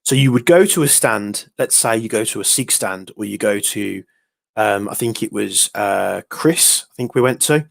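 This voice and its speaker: Brief: male host, gravelly edge, dry close sound, rambling casual delivery. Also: lowish voice, animated, normal speed, dry recording. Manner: rambling, filler-heavy storytelling. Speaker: talk show host. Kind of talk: casual podcast chat.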